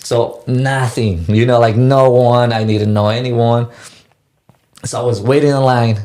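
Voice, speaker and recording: A man's voice: mid-range voice, steady tone, darkish tone. Young man. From Mexico. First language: Spanish. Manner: halting, restarts and repeats words. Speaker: guest. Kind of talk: casual personal storytelling.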